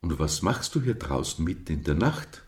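A man's voice: a bass voice, big pitch swings, moderate pace, darkish tone. A man voicing a big, clumsy male sheep in a storybook reading, grumbling and a little sheepish. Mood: lively.

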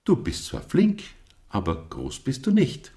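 A man's voice: mid-range voice, wildly swooping pitch, unhurried, mellow, voice pushed up. Storybook part: large clumsy male sheep, mutters and grumbles, played by a male reader. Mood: grumbling.

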